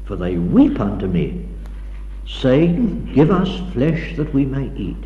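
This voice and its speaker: A man's voice: mid-range voice, big pitch swings, takes it slowly, muffled recording. Man preaching scripture on an old hall tape. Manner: dramatic, declaiming reading of scripture. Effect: old 1960s tape recording. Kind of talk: sermon with scripture reading. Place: lecture hall.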